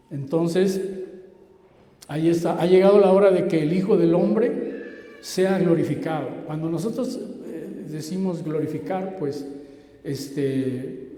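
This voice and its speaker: A man with a high but mellow voice delivers a sermon at an unhurried pace. He swings between loud, stressed phrases and quiet, hushed asides. His voice echoes through a church hall with a long reverb tail. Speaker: pastor.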